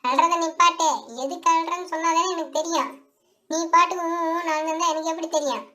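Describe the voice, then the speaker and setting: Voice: very high-pitched, fairly even intonation, fairly quick, bright, forceful tone. A female performer voicing a stern mother doll who questions and lectures her daughters firmly in a doll story play. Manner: firm, demanding, lecturing.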